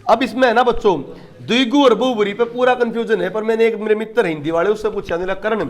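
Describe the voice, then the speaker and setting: Male tutor, high-pitched, emphatic lecture style with rhetorical questions. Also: fast. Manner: emphatic, asks questions and answers them himself. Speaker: teacher. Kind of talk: exam-prep lecture.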